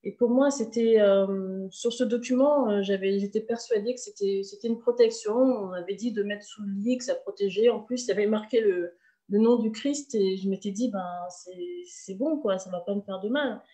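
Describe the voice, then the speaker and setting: A woman's voice: medium pitch, warm tone. Woman giving a heartfelt faith testimony. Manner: emotional, halting storytelling with many restarts. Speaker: testimony speaker.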